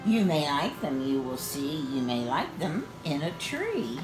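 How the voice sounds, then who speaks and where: An older woman reads a children's book aloud at a slow, deliberate pace. Her low voice rises and falls in a lively sing-song as she stretches out phrases. It is a storytime reading recorded in a roomy-sounding space. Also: music in the background. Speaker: senior living resident reading a children's storybook. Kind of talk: read-aloud storytime narration. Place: small room indoors, in an armchair by a window. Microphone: camera a short distance away. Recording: roomy home video sound.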